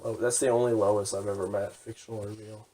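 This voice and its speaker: A man's voice: lowish voice, flat delivery, fairly quick, mellow, rough recording. A young man co-hosting a podcast in casual chat, joking and acting out comedy bits. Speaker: podcast co-host.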